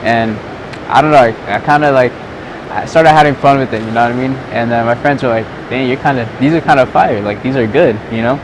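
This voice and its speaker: Outdoors at sunset, with traffic noise in the background, a young Southern Californian vlogger and photographer chats loosely to the camera. His medium-pitched voice moves briskly as he rambles, dropping plenty of "like"s.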